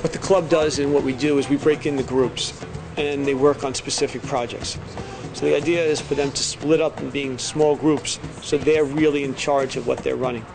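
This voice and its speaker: A man's voice: mid-range voice, fairly even intonation, normal speed, gravelly. A middle-aged man, a teacher, telling his story and explaining in an interview style. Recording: music behind the voice. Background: music.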